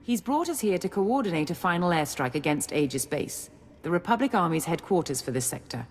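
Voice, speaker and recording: A woman's voice: on the low side, very animated, a little fast, breathy edge. A woman playing a stern, businesslike Imperial military officer in a video game, briefing with authority. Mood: businesslike, resolute. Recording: long hall reverb.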